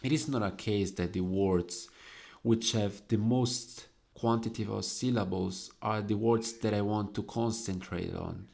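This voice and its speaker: A young man slowly explaining the devices in his own poem, lingering over each quoted verse word. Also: lowish voice, steady tone, creaky, darkish tone. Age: young adult.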